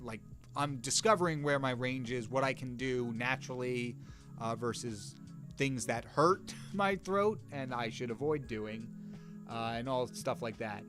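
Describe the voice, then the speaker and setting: Easygoing man chatting on a live stream. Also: mid-range voice. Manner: easygoing and rambling, with frequent fillers and chuckles. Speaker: artist and voice narrator hosting a live drawing stream. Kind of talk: casual live-stream chat while drawing.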